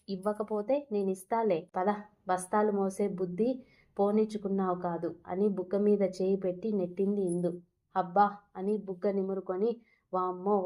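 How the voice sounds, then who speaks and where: A woman's voice: mid-range voice, mellow. A woman narrating a romantic audio story in a Telugu accent, acting out the lines of a bickering young couple in turn. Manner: voices a bickering village couple in turn, teasing and scolding.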